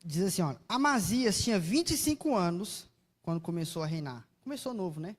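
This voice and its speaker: Expressive Brazilian woman preaching. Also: on the low side, brisk. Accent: Brazilian Portuguese. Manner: expressive storytelling, swinging between soft asides and loud exclamations; chatty, asks the audience questions. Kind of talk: sermon.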